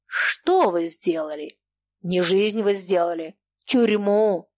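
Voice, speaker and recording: A woman's voice: fairly low pitch, takes it slowly, darkish tone, dry recording. A woman reading the part of a proud, furious young male merchant who speaks defiantly and harshly. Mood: bitter accusing.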